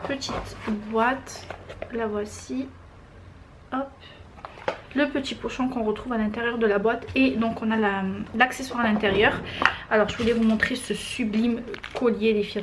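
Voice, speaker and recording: A woman's voice: fairly high pitch, steady tone, moderate pace, noisy background. Chatty young woman vlogging at home. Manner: chatty, many "euh" fillers, addresses viewers as girls. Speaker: lifestyle vlogger. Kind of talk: casual chatty vlog. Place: at home, in her living room.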